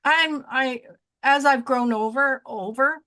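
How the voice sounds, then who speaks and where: This podcast co-host, in her sixties, rambles through casual chat, frequently losing track of her point and making jokes at her own expense. She talks slowly in a high-pitched, sharp-toned voice.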